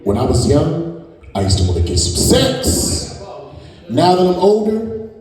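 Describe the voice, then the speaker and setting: His voice a little high and full of huge pitch swings, a man in his forties takes an unhurried approach to a crude, brash stand-up routine with the crowd. The sound comes from a mic off at a distance in an echoey comedy hall, backed by loud crowd laughter.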